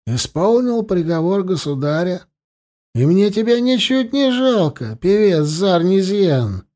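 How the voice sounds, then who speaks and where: A man's voice: high-pitched, sing-song, unhurried, warm tone, pitched above the performer's own voice. A man reading an audiobook, voicing a cold, smug middle-aged priest who talks down to his prisoner. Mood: cold mocking. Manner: cold, mocking and condescending.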